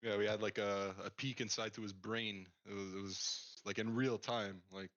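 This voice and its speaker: A man's voice: on the low side, level tone, moderate pace, a bit bright, lo-fi sound. A man hosting a live trading stream in laid-back, casual chat, laughing often and filling his talk with "like" and "man". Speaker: stream host.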